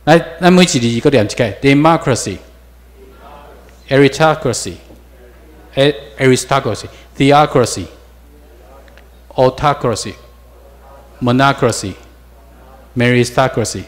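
A male lecturer speaking Mandarin with a Taiwanese accent at a mid-range pitch, pressing his class with emphatic rhetorical questions. He drills new words aloud with his students, and his voice carries a long reverb from the lecture hall around him. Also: animated, racing, few pauses.

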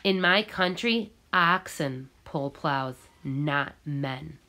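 A woman's voice: low-pitched, very slow, sharp tone, heavily acted. A woman reading aloud, voicing a proud male farmworker who speaks defiantly in a storybook. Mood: stung. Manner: defiant, impassioned.

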